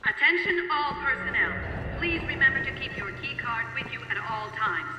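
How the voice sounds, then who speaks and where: A woman voicing an impersonal building security system, making flat, even announcements over a loudspeaker. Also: high-pitched, normal speed. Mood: calm. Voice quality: flat, even, automated delivery. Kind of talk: calm scripted public announcement. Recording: echoey hall with music behind.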